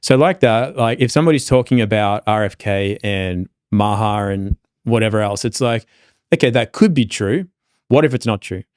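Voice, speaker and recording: An Australian man speaking in a fairly low voice as a podcast guest. He thinks aloud in a loose, meandering way, leaning on lots of fillers. The recording is close and dry, with no room sound. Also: normal speed, darkish tone, no room sound. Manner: reflective, loose and rambling, many fillers. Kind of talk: casual conversation.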